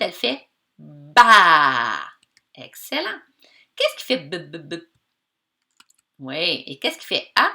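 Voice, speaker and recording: Lively Québécois teacher stretching out sounds. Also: female voice, mid-range voice, gravelly. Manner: slow, stretched-out sounds of words for young learners; encouraging, addresses pupils directly. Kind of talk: children's reading lesson.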